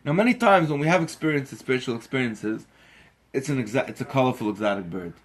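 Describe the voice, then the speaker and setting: A man with a middle-pitched voice teaches a Torah lesson. He tells it as a lively story and swings between quiet explanation and emphatic peaks. His delivery is animated and conversational. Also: quick pace, husky. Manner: animated, acts out the characters, rises to emphatic peaks.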